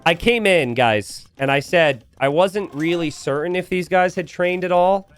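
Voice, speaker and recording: A man giving live, casual and joking video game commentary to a stream, prone to excitable, repeated exclamations. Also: high-pitched, measured pace, smooth, faint music behind. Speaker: esports commentator. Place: indoors at a computer.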